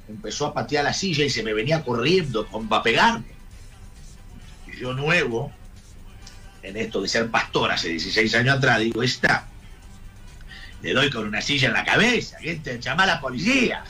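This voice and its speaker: An Argentine pastor in middle age preaches a sermon with animated storytelling. His voice is bright and forceful, breaking into sudden shouts. Faint music plays behind him. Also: mid-range voice. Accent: Argentine Spanish.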